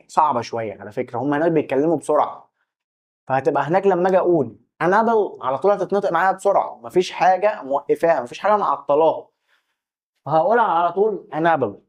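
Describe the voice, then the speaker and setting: Egyptian man teaching casually, slightly high voice. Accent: Egyptian Arabic. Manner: plays out imagined student questions in dialogue. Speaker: English teacher. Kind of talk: casual classroom explanation.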